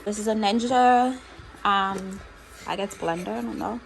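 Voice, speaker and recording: A woman's voice: mid-range voice, a little slow, low-quality recording. A young American woman chatting informally as she narrates chores and cooking for a home vlog. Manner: informal, conversational. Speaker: home vlogger. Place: indoors at home, kitchen. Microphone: handheld camera. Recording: clear household noise behind voice. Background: household appliance noise.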